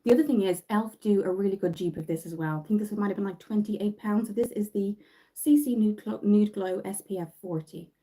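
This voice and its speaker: Irish woman, casual home makeup livestream, warm, rambling, chatty. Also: medium pitch, fairly quick, poor audio. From Ireland. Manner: chatty, rambling, many fillers and restarts. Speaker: makeup vlogger. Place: bedroom at home.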